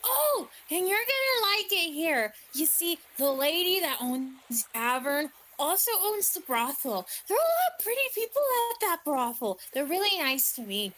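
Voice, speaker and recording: A woman's voice: very high-pitched, big pitch swings, normal speed, few pauses, a bit bright, pitched above the performer's own voice, heavily acted. A woman voicing an eager, chatty young gnome boy in a tabletop game. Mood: excited.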